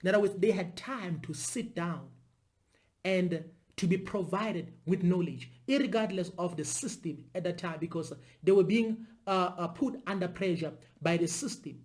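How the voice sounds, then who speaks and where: A commentator talks to viewers without a script. The delivery is deliberate and repetitive, with emphatic phrasing at an ordinary, medium pitch. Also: a little mellow. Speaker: video commentator. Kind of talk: unscripted spoken commentary.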